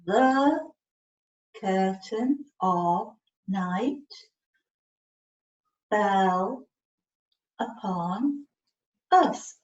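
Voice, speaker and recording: A woman with a mid-range voice works one-to-one with a student as a communication support worker, patiently spelling out letters and giving short, encouraging instructions to help them spell and write. The session is indoors on a video call, picked up by a distant computer mic, so the audio is dull, roomy, and noisy.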